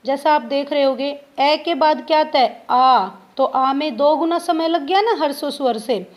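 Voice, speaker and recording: A woman teacher giving a grammar lesson to students, spelling out sounds one by one. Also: high voice. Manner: slow, spells out sounds letter by letter.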